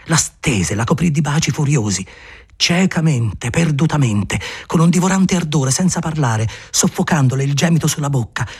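A man narrating a classic novel as an audiobook, with an expressive, dramatic delivery. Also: fairly high pitch, breathy edge.

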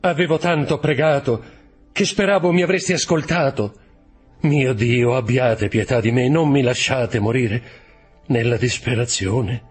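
A man reading an audiobook voices a young sailor locked in a cell, pleading and urgent, with a husky tone. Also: medium pitch, a little slow, faint music behind. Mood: despairing. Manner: raised, urgent and imploring. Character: young male sailor prisoner, desperate and pleading.

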